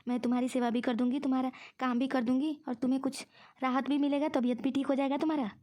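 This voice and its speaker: A woman's voice: high voice, little pitch movement, fast, warm tone, lightly acted. A woman voicing a scheming younger friend who coaxes and tricks in a cartoon. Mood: coaxing. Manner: coaxing, sweetly persuasive. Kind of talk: cartoon voice acting.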